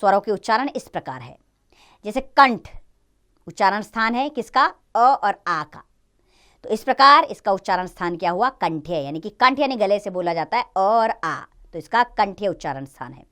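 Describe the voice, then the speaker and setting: A woman's voice: mid-range voice, animated, moderate pace, fairly bright tone, clean tone. A woman teaching a grammar lesson to children, explaining step by step and asking and answering her own questions.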